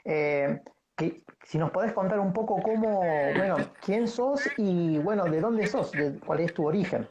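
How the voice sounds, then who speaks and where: A man with an Argentine Spanish accent hosts a casual livestream interview, speaking slowly in a friendly way with many fillers. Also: sits high, darkish tone. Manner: friendly, slow-paced, filler-heavy. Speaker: livestream host.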